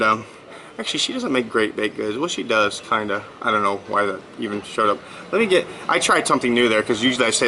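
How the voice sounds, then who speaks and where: Thirties male blogger, casual and rambling, sharp bright tone. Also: mid-range voice, slight background noise, poor audio. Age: 30s. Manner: rambling, upbeat, many fillers and restarts. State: just finished a workout. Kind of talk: casual vlog monologue.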